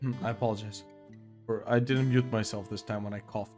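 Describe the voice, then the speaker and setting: A man's voice: fairly low pitch, fairly even intonation, fairly quick, over music. A man playing a tabletop game, chatting casually and politely asking what words mean. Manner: polite, asks about word meanings. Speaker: player.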